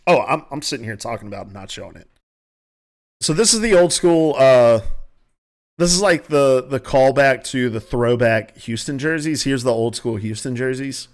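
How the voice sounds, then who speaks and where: Country-accent guy riffing solo on his podcast at home, opinionated, keeps restarting sentences, mid-pitched voice. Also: animated, normal speed. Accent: Southern US country. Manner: rambling, self-correcting, opinionated. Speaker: podcast host. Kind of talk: casual solo commentary.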